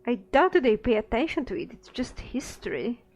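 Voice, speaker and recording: A woman's voice: fairly high pitch, very animated, moderate pace, a little mellow. An actress playing a female mage hero who asks plain, blunt questions, from a game. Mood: curious.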